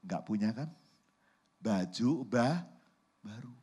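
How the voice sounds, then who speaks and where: A man voicing an excitable young boy who yells at his older brothers and pesters them, with a whiny, boastful tone. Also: on the low side, slow, husky, voice pushed down, full character voice. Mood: whiny boasting.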